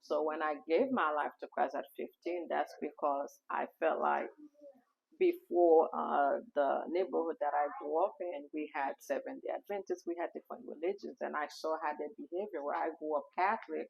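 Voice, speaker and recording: A woman from Haiti, a memoir author, telling her story in a casual interview with reflective pauses and fillers. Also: low voice, fairly even intonation, creaky, breathy edge. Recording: dull lo-fi recording.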